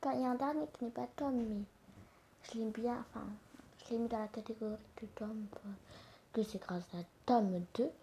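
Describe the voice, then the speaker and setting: A woman hosting casual mobile gaming commentary into a phone mic, talking in a halting way with many restarts and half-whispered asides. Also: a little high, steady tone, warm tone, slight background noise. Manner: hesitant, halting, many self-corrections. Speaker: gaming channel host. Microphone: phone screen recorder mic.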